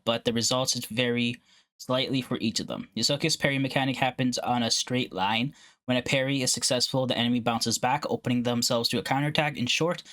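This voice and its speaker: Male gaming host with a middling pitch, reading a guide aloud with many uhs and restarts. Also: a bit bright. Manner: halting reading with frequent uhs and self-corrections. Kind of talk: reading an article aloud and reacting.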